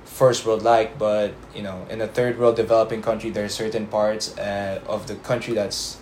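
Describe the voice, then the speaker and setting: A young man from the Philippines, a college student, answering interview questions in a relaxed way with frequent um fillers. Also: on the low side. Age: young adult. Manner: relaxed, many um fillers and slow pauses. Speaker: interview guest. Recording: roomy echo, faint background noise.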